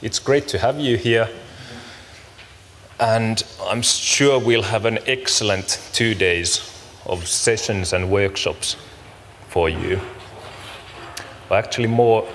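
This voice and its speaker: A man with a fairly low voice speaks as an event host, running through housekeeping in a casual, slightly apologetic manner. The recording has long hall reverb and clear background noise. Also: slow, a bit bright. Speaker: event organiser and host opening a summit. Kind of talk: informal conference welcome with practical announcements. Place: large conference room, speaking to an audience.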